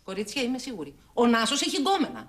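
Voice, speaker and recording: Excitable jealous woman, sitcom, high voice, very lively pitch, emphatic. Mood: indignant. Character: excitable suspicious jealous woman, prone to outbursts. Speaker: sitcom character. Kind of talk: comedic TV acting.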